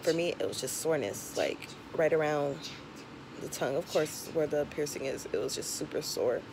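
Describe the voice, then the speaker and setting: A woman's voice: sits low, animated, normal speed. Lisping young woman vlogger over background noise. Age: young adult. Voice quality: slight lisp from tongue piercing. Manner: frank, conversational advice-giving. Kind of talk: casual vlog chat. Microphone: camera or phone at arm's length. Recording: clear background noise, home camera recording.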